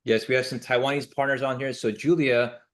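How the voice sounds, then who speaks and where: A man's voice: mid-range voice, steady tone, a little fast. A man hosting an online team call, giving a promotional, motivational introduction with repeated emphasis. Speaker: host introducing a guest leader.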